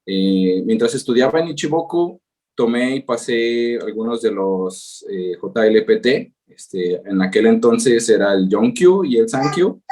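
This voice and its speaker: Working remotely from his home in Japan, this guest presenter delivers a webinar over video call. He's a Mexican man in his 30s with a Mexican accent and a mid-range, darkish voice, and he hesitates often, leaning on many fillers.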